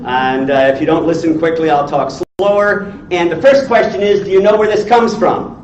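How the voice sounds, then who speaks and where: A man's voice: fairly high pitch, steady tone, normal speed, darkish tone. A man in his sixties giving an informal, blunt lecture to a class, teasing and quizzing his listeners in salty language. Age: 60s. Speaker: entrepreneur lecturer. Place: indoor teaching room with audience. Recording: echoey room, distant mic, dull, faint noise.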